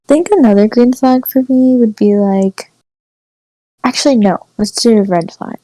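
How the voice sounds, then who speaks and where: A woman's voice: fairly high pitch, moderate pace, dark tone, no room sound, poor audio. A young woman co-hosting a casual podcast, chatty and filler-heavy. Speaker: podcast co-host. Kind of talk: casual chat.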